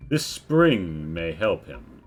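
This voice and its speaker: A man performs an ancient talking tree, a solemn guardian spirit of the land in a tabletop role-play. The low voice speaks slowly and gravely in stately, archaic phrases, with faint music underneath. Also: very animated, exaggerated voice. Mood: grave, knowing.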